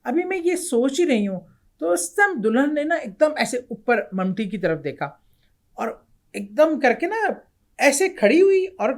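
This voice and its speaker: Woman telling a spooky story vividly. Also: high-pitched. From Pakistan. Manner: animated, vivid retelling with acted quotes. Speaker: guest. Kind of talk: storytelling in an interview.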